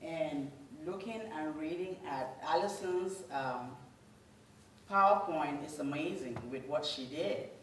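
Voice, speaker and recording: A woman speaks earnestly to a church group, pausing often between phrases. Her voice comes from well away from the mic. It rings through a very echoey room over a faint hiss. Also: sits low. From Cameroon. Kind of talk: informal talk to a church group. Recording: roomy hall audio from a distant mic with faint noise.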